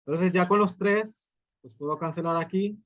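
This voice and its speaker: A man's voice: sits high, normal speed, a bit bright, no room sound, low-quality recording. A man teaching a physics lesson, explaining step by step and often checking in with his students. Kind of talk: recorded lecture at a writing board.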